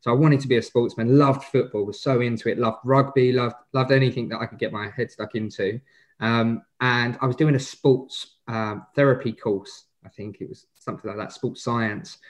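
A man's voice: medium pitch, steady tone, normal speed. A man in his twenties with an Essex accent, giving casual, informal interview answers as a guest, often hesitating and rephrasing. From Essex, England. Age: 20s. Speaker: podcast guest, wealth manager.

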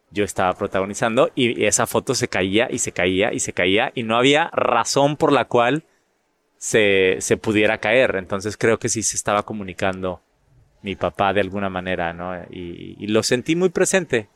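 Chatty Mexican actor with a low voice. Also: male voice. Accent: northern Mexican. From Monterrey, Mexico. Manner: animated, repeats words while finding them. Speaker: actor and guest. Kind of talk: casual storytelling interview.

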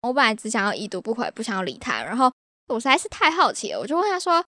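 Lively Taiwanese woman podcast host. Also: on the high side, very fast, no room sound, studio quality. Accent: Taiwanese Mandarin. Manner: chatty, exasperated, laughs at her own stories. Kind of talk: casual podcast storytelling.

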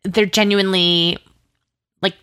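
Smooth, steady and fairly bright, this woman's medium-pitched voice moves at a measured pace. She is an audio drama writer and producer being casually interviewed about creative work, speaking informally and effusively in tumbling asides.

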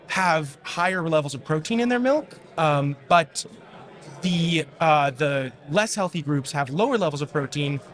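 Here a young man, a grad student in his twenties, talks through interview questions on his research. His voice is a little high, and his relaxed, technical answers are sprinkled with fillers and restarts.

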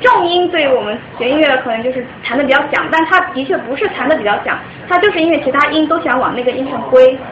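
With a high voice, racing delivery, and few pauses, a young woman from China walks a small group through music theory in a casual lecture. She restarts sentences often while remaining patient. The audio is lo-fi and dull, with echo and faint noise.

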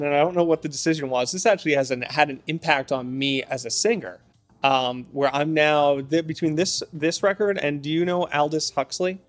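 A male singer chatting as a guest in an apartment interview, rambling and enthusiastic with plenty of fillers. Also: a little high. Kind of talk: casual interview chat.

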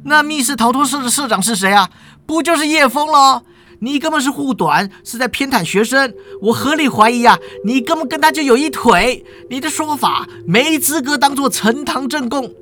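A storyteller voicing a fast-talking, aggrieved substitute teacher. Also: animated, pushed and bright. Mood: indignant. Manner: fast, high and accusing.

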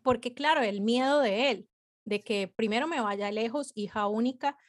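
Brief: woman in her thirties, interview guest, somewhat high voice, animated and chatty storyteller. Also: normal speed. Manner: animated, chatty, frequent filler words.

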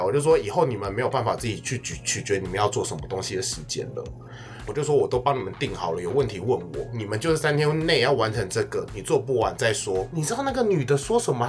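A man's voice: medium pitch, a little mellow. A man, co-hosting a casual podcast and venting animatedly about work, acting out office quarrels. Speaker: podcast co-host.

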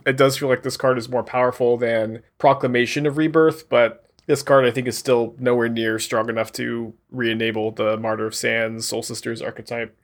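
Guest guy on a podcast, thinking out loud, lots of ums. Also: medium pitch. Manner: thoughtful, analytical, many ums. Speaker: guest deck builder. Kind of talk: casual podcast chat.

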